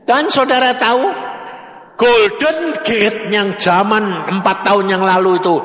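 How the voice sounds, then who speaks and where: A man in his seventies with a Javanese accent preaching a storytelling sermon, dropping to low asides and then rising to shouted declarations. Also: unhurried, long reverb tail. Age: 70s.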